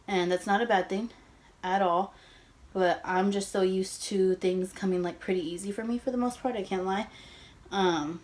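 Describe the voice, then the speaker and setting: A woman's voice: lowish voice, darkish tone. A woman of twenty-five chatting casually in a get-ready-with-me vlog from her old bedroom, a little out of breath, rambling with lots of fillers. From Texas, USA. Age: 20s. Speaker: beauty vlogger.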